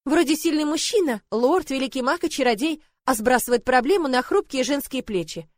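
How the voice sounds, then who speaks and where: A woman's voice: on the high side, lively intonation, fairly quick, dry recording, clean studio sound, lightly acted. A woman reading a storybook voices the young heroine, a caring nanny who answers with wry teasing.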